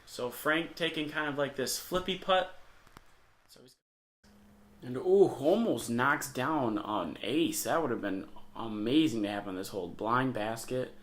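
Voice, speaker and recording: A man's voice: mid-range voice, a little slow, a bit bright. A man giving casual, upbeat play-by-play commentary on a disc golf round, recorded outdoors on the course. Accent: Michigan. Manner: chatty, upbeat play-by-play with fillers.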